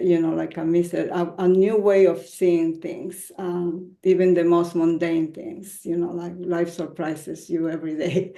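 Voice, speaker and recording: A woman poet from Ecuador answers a question at a reading, searching for words with frequent fillers. Her voice is low, mellow and gravelly, and she speaks slowly. The sound is roomy. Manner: hesitant, many fillers and laughs. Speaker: featured poet. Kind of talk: panel discussion answer.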